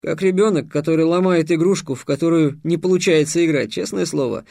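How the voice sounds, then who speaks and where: A man's voice: fairly high pitch, fairly quick, vocal fry, a little mellow, no room sound, studio quality. A man reading as a mocking young mage. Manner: scornful, lecturing. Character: young sarcastic male mage, bold and mocking.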